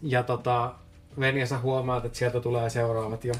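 A man narrating as game master of a tabletop role-playing game, often laughing and filling pauses as he describes the action. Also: mid-range voice, flat delivery, slight background noise.

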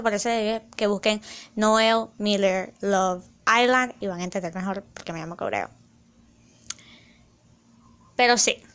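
A young woman chatting in a casual vlog, excitable and rambling, loud at times and slipping into English phrases. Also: on the high side, clear, resonant tone. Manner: loud, near shouting at times. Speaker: vlogger.

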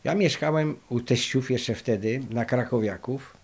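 Gravelly older man telling stories. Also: medium pitch, unhurried. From Poland. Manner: lively anecdotal storytelling with many fillers. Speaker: interviewee recalling the past. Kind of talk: oral history storytelling.

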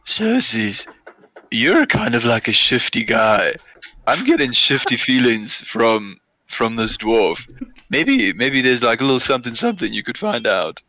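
A man's voice: mid-range voice, very animated, measured pace, pushed and bright, low-quality recording. A man playing a meek young adventurer who hesitantly wheedles for a deal. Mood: whispering.

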